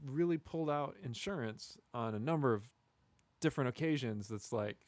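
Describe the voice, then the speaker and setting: A man's voice: medium pitch, normal speed, darkish tone, dry recording, natural voice. Guy doing a hesitant auditor, lots of uhs, dry close sound. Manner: hesitant, filler-heavy. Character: hesitant male internal auditor. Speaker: improv performer.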